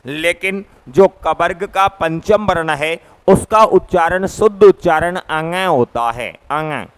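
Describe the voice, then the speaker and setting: A man teaching a grammar lesson in a classroom, his fairly high voice smooth and clear. He speaks slowly and patiently, sounding out each letter in turn and going back over his points. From Rajasthan, India. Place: classroom, writing on a board.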